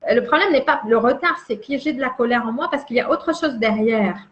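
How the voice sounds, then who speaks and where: Soft-spoken lady walking someone through calming down, kinda muffled recording, repeats herself a lot. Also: on the high side, brisk. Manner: gentle, demonstrative, repeats words. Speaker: emotional wellbeing guide. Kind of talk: explaining an emotion exercise in conversation.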